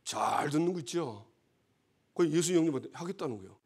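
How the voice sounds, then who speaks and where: Casting a male pastor: husky, slightly high voice, chatty sermon delivery that keeps asking for agreement. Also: expressive, brisk, a little mellow. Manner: conversational, asks the congregation for agreement.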